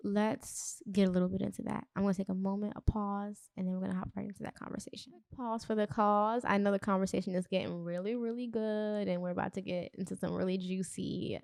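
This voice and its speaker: A young woman hosts her own podcast, speaking in a candid, reflective and chatty way straight to her listeners. Her voice has a gravelly, fry-tinged edge and sits at a middle pitch. It is recorded dry and close, with no room sound. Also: level tone, fast, few pauses, darkish tone, no room sound. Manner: chatty, addresses listeners directly. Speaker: podcast host. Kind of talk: casual personal monologue.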